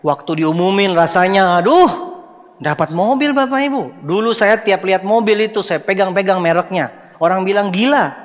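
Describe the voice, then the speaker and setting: A man giving a motivational seminar talk to a live audience, animated and joking, speaking to them directly. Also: high-pitched, normal speed, lo-fi sound. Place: large hall with audience. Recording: long hall reverb.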